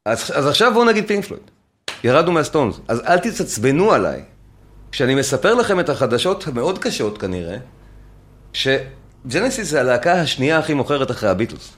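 A man's voice: medium pitch, sing-song, a bit bright. A man hosting a music discussion panel over a call, arguing insistently and fending off interruptions. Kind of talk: heated casual debate.

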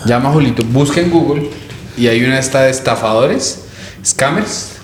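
A man recounts a story in loose, slang-filled podcast talk. The voice sits at an ordinary middle pitch. A roomy studio echo and a faint hiss hang around it. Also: normal speed. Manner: storytelling, slangy, animated retelling. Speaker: guest comedian. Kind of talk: casual podcast chat.

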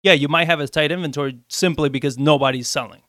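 A man's voice: a little high, fast, a bit bright, no echo, studio quality. A man co-hosting a casual podcast chat, explaining bluntly with a joking edge. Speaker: co-host.

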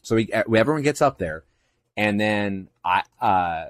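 A man's voice: lowish voice, lively intonation, moderate pace, dry recording. A man hosting a podcast, telling a story in casual chat, acting out quoted voices and laughing often. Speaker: podcast host.

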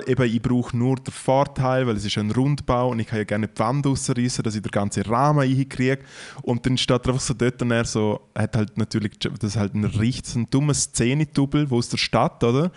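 Swiss German man, 30s, casual podcast storyteller, rambles and acts out both sides of a conversation. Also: mid-range voice.

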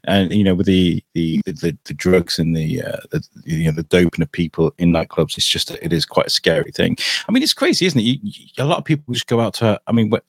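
A man's voice: on the low side, no echo. A British man in his thirties hosting a podcast, chatting casually and rambling as he repeats words. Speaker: podcast host. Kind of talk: casual chat.

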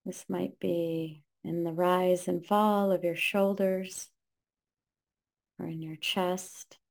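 A woman leads a meditation very slowly, her dark, soft-edged voice creaky and barely shifting in pitch. She offers calm, gentle instructions in brief phrases with pauses between them.

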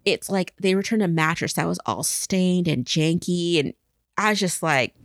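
A woman talks in a California Valley Girl way, scattering "like" through loose, casual chat. Her voice sits a little low. The sound is very dry, as on a co-hosted podcast. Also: moderate pace, no echo. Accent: California Valley Girl, West Coast American. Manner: Valley Girl talk peppered with "like". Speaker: podcast co-host.

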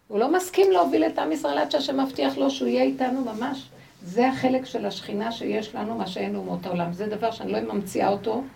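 High-voiced woman preaching from afar. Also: creaky, distant mic, slight background noise. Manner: expressive, rhetorical questions to the audience. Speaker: Torah teacher. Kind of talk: religious lecture to a group.

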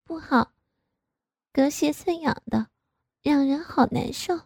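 A high, coy voice of a pouty young woman, wheedling slowly, put on by a woman reading the story. The tone stays soft and mellow. The recording is dry, with no room sound. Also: no echo.

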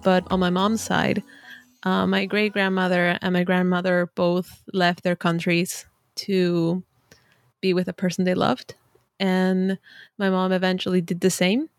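A woman's voice: lowish voice, flat delivery, a little slow, dry recording, soft background music. Chatty woman from Ecuador, dry close sound. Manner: warm, chatty storytelling with frequent "like" fillers. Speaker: podcast guest, service designer. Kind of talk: casual interview chat.

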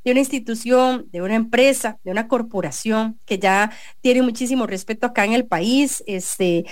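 Speaking at a moderate pace in a voice on the high side, a Costa Rican woman hosts a business radio program. The journalist earnestly editorializes and questions a guest, full of restarts and filler words, in a dry recording.

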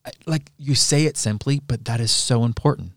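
A man's voice: medium pitch, moderate pace, no echo, studio quality. A man co-hosting a podcast, talking earnestly and encouragingly in a casual conversation. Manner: earnest, encouraging, thinks aloud with restarts. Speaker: podcast co-host.

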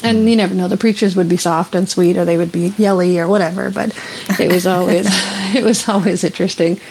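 A Canadian woman guest in an interview, telling a personal story in a casual, animated way with frequent laughs and fillers. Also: fairly low pitch, a little fast, vocal fry, noisy background. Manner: animated, laughs often, many fillers and restarts.

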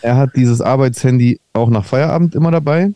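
A man's voice: mid-range voice, fairly quick, dark tone, no room sound. A man chatting casually on a podcast, telling a meandering anecdote with lots of restarts. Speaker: podcast host.

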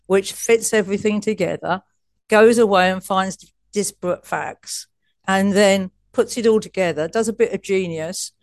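A woman's voice: medium pitch, moderate pace, darkish tone, dry recording, clean studio sound. A woman coach as an interview guest, telling stories in a chatty way with frequent restarts and laughs. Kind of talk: casual interview storytelling.

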